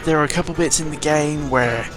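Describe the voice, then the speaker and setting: A British man with a slightly high voice talks briskly over video game music, giving casual, unscripted commentary. He rambles, sounds sarcastic, and swears mildly, all picked up on a close microphone.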